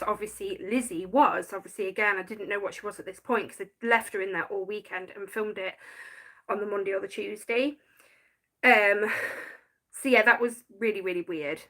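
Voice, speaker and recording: A woman who hosts a paranormal channel chats casually on a live stream about her notes, laughing often. Her voice is medium in pitch with a sharp tone.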